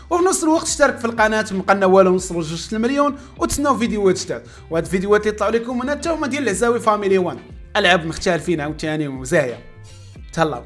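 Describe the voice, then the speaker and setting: Frantic Moroccan man, very high voice. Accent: Moroccan Arabic. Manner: frantic, shouting and repeating words. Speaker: gaming channel host. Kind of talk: excited gameplay commentary.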